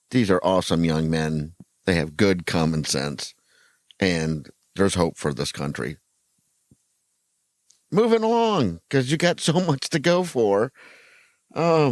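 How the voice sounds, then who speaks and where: Deep-voiced man, swooping and emphatic. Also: no echo. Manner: exclaiming, swooping emphatic delivery. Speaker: reaction video host. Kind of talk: political reaction commentary.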